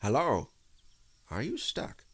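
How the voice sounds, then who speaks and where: A man's voice: mid-range voice, wildly swooping pitch, takes it slowly, a bit bright, voice pushed up, exaggerated voice. Guy doing fussy stern storybook rabbit, proper n pointed, voice jumps up and down. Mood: matter-of-fact. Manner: clipped, proper, polite but pointed. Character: fussy, brisk, stern male rabbit, politely exasperated.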